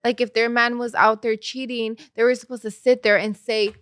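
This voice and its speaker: A woman's voice: on the high side, level tone, normal speed, fairly bright tone, no echo. A woman co-hosting a podcast in casual chat, outspoken, swearing and laughing often. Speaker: podcast co-host.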